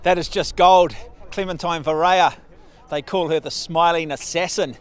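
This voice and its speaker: A man's voice: on the high side, steady tone, moderate pace, clean tone. A middle-aged man presenting rugby coverage outdoors on the field, upbeat and punchy, with a handheld mic. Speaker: sports presenter. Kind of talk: broadcast presenting and interviewing. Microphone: handheld reporter mic.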